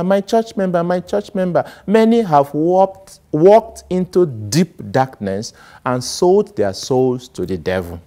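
Standing in a small studio set with plants indoors, a middle-aged priest gives a slow homily into a lapel mic. His male voice swings from loud emphasis to low asides, and his manner is animated, full of sweeping gestures.

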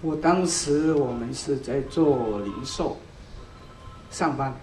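An earnest church member gives a personal testimony in a large indoor church hall, his handheld mic picked up from far off so the sound is echoey. His mid-range voice is slow and a little mellow, with a faint hiss or hum.

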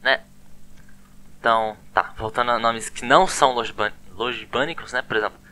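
A man's voice: medium pitch, steady tone, normal speed, pushed and bright. A man giving a casual online language lesson, chatty and often repeating words with a questioning "né?". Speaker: language teacher.

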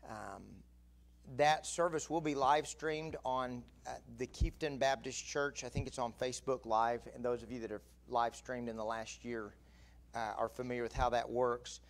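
A man's voice: medium pitch, steady tone, normal speed. A middle-aged man, an assistant pastor giving announcements and then preaching with growing emphasis in a church sanctuary. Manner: conversational, rising to emphatic preaching. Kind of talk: announcements and sermon. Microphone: pulpit mic, far camera.

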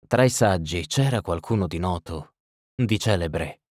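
A man voicing a terse, cool-headed monster hunter who asks short, calm questions in an audiobook. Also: low voice, unhurried, no echo, clean studio sound. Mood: questioning.

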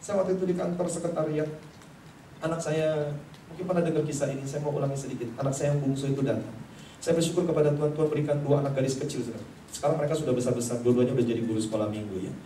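A middle-aged man preaching from a pulpit, his voice sitting high for a man. He tells a personal story with animation, acting out the voices of the people in it and turning often to the congregation. He is picked up from a distance in a roomy, echoing hall with faint noise underneath. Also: steady tone, very fast, mellow. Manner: addresses the congregation directly. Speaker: pastor. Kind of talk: sermon.

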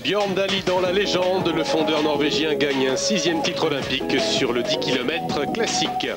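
A man reading a sports news summary as a scripted voice-over, in an even, informative way. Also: on the high side, moderate pace, loud music behind the voice.

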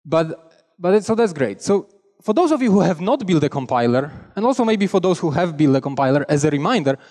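A man's voice: fairly high pitch, sing-song, a little fast, mellow, big-room sound. A young man from Poland with a Polish accent, giving a chatty, self-deprecating technical talk on a conference stage. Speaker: conference speaker. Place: large conference hall stage. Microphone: headset mic.

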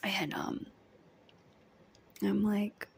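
In an extremely slow, medium-pitched voice with fairly even intonation, a young woman tells a diary-vlog story about being a background extra. She's breathy with vocal fry, giggles, often half-whispers, and fills her talk with likes and ums.

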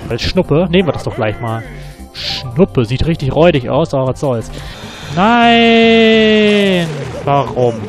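A man hosting his own gaming channel, giving excitable, slangy let's play commentary and swearing often. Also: mid-range voice.

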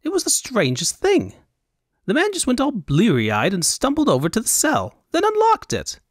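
A flamboyant, excitable male noble, as a narrator voices him, speaks in a high, affected fantasy accent that leaps up and down in pitch. He chatters on in a fussy, offended way, recorded dry and close like an audiobook. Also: moderate pace, dry recording, full character voice. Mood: excited. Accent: high Elvunian fantasy accent.

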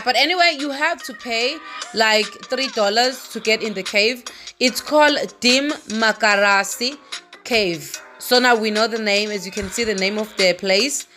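Filming on a handheld phone, a woman vlogger rambles casually as she walks outdoors and then into a cave, chatting and laughing at herself. Her voice sits fairly high, with a pushed, bright quality.

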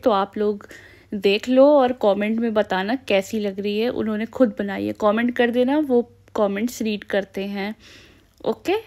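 A woman's voice: mid-range voice, a little mellow. A young woman with a North Indian Hindi accent narrating her family vlog in a chatty way, slipping English phrases into her Hindi. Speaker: family vlogger.

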